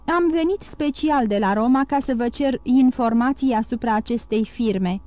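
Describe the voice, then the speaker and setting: A woman's voice: a little high, warm tone, natural voice. A woman voicing a formal, businesslike male bank agent in his thirties in an audiobook. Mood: concerned.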